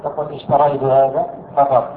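A man teaching an Arabic grammar lesson. He asks his students questions, answers them himself and repeats key words slowly. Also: medium pitch, little pitch movement, slight background noise. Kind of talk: classroom lesson explaining a text. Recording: echoey room over a thin phone-like line.

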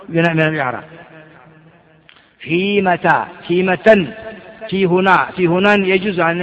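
A man's voice: high voice, a bit bright. A man teaching an Arabic grammar class, quizzing his students with questions and correcting their mistakes, often repeating phrases. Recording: dull lo-fi recording with long reverb.

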